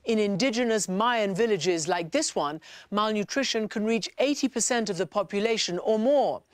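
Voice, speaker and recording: A middle-aged woman reporter asking gentle, direct questions on location. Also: mid-range voice, moderate pace, dry recording, studio quality. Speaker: reporter interviewing. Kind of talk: field interview.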